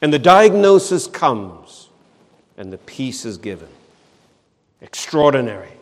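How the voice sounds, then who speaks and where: A man's voice: mid-range voice, very animated. Man preaching in a reverberant hall. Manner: earnest, repeats words for emphasis, slows on key phrases. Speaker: pastor. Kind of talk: sermon.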